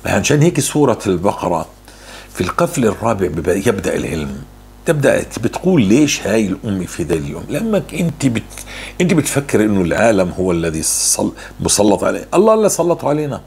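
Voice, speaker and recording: A man's voice: fairly low pitch, sing-song, fast talker, creaky, a little mellow, slightly rough. A man answering religious questions, fervent and repeating words for emphasis. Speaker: religious speaker.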